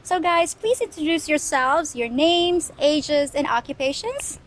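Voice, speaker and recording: A woman's voice: high voice, animated, a little slow. A woman hosting a casual interview with a group of young men, asking playful, teasing questions. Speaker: host.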